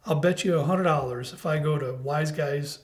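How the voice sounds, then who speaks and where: A man's voice: a little high, moderate pace. Man with an unsteady, grainy voice. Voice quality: unstable, grainy voice. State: unsteady voice while recovering from illness. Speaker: host of a bourbon review show. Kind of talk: casual opinionated chat. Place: home basement bar.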